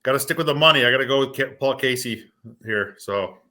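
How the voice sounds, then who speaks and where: A man who is a sports researcher, giving measured picks in a casual panel chat. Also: medium pitch, sharp tone.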